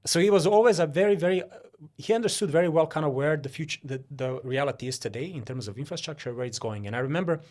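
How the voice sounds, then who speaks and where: A man's voice: a little high, fast talker, a little mellow. A Croatian-born man talking casually as an interview guest, with many fillers and restarts.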